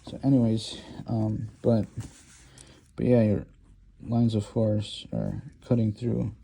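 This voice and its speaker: Gravelly, hesitant man giving a lecture. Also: on the low side, little pitch movement, slow pace, mellow. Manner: hesitant, many ums and restarts. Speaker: lecture host. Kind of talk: rambling informal lecture while drawing.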